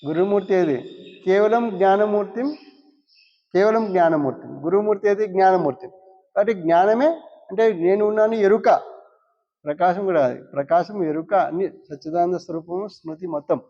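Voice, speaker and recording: A man with a high voice delivers a brisk spiritual discourse as a spiritual teacher, asking his listeners questions, answering them himself and repeating key words. The recording is dull and lo-fi, with a long hall reverb trailing each phrase.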